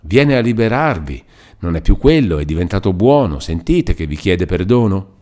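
A man reading aloud, voicing a kindly middle-aged woman who speaks gently and soothingly. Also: deep voice, very animated, normal speed. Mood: tender.

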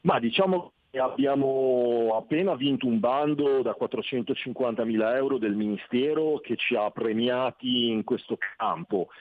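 Man, over the phone, city official, steady explaining tone, tinny dry line. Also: medium pitch, moderate pace, no room sound. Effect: heard over the phone. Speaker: city councillor phoning in as a guest. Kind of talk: phone-in radio interview.

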